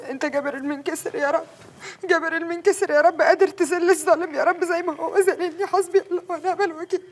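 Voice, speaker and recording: A woman's voice: extremely high pitch, fairly even intonation, fast. An actress playing a poor, downtrodden village servant woman who laments and prays aloud, speaking with an Egyptian Arabic accent. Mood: lamenting. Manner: lamenting, praying, pleading.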